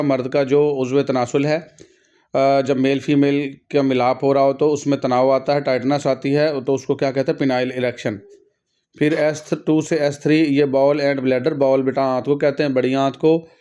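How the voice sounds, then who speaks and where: A man's voice: fairly high pitch, darkish tone, clear, resonant tone. A middle-aged man, patiently explaining a pharmacy lecture to students and mixing in English terms. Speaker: pharmacy teacher. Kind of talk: recorded classroom lecture.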